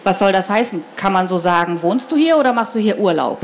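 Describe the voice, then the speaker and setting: A woman's voice: medium pitch, lively intonation, brisk, a little hiss or hum, lightly acted. A woman reading as a grumpy, bossy girl of nearly twelve. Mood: scornful. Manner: blunt, scornful questions.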